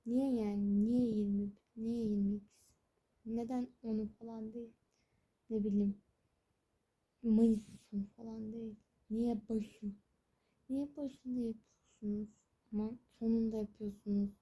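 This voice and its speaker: A young woman vlogs from her bedroom at home, ranting casually and with exasperation about studying for her exams. Her mellow, somewhat high voice has a breathy edge, flat delivery, an unhurried pace and frequent pauses. The recording quality is low.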